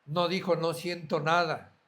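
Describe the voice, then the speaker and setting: Pastor guy preaching, kinda high voice, keeps asking the crowd questions. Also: little pitch movement, a little slow, a bit bright. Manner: earnest preaching with rhetorical questions to the listener. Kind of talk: sermon.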